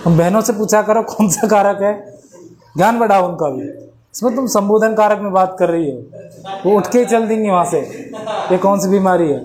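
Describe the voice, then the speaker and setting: A man's voice: high-pitched, moderate pace, darkish tone. A man teaching a Hindi grammar lesson in a casual, playful way, acting out examples and laughing along. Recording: echoey room with faint background noise.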